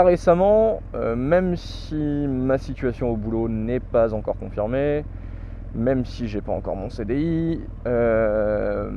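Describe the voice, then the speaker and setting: Swearing guy ranting in traffic. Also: mid-range voice. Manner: ranting, swears a lot, exasperated. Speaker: vlogger. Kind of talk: casual chat. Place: in a car in city traffic. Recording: muffled with loud traffic noise.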